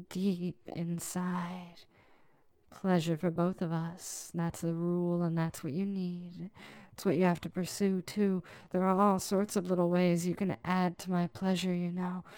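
Lingering over every slow, deliberate phrase, a woman purrs close to the listener's ear in an adult-oriented, sensual ASMR role-play. Her fairly low voice has a dark, clear, resonant tone, recorded without echo.

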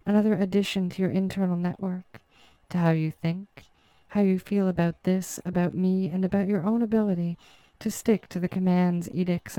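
A woman narrating a slow, guided hypnotic audio in a soft, sultry, commanding manner, close to the mic. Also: fairly low pitch, clean tone, dry recording, poor audio.

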